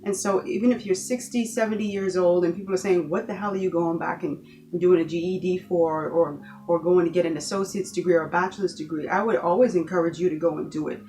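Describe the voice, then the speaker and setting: A woman's voice: on the low side, fairly even intonation, fast, mellow, a little hiss or hum. A woman from the Bahamas giving an earnest motivational talk in her vlog, encouraging viewers and repeating points for emphasis. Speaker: vlogger.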